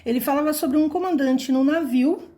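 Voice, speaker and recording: A woman's voice: high voice, moderate pace, dark tone. A woman teacher patiently explaining a word puzzle step by step, counting syllables and letters aloud.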